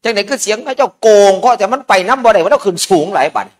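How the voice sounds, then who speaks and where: Isan monk guy telling jokey stories in a sermon, kinda high voice. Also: lively intonation, rapid-fire. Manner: folksy, joking storyteller. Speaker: Buddhist monk. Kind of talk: informal sermon at a merit-making ceremony.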